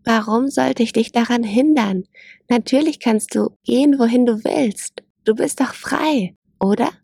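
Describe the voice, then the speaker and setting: A woman's voice: a little high, a little slow, creaky, darkish tone, breathy edge, no echo, clean studio sound, voice pushed up, full character voice. A woman voicing a curious young male lion in a storybook reading, speaking earnestly in a raised voice. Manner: earnest, open questions.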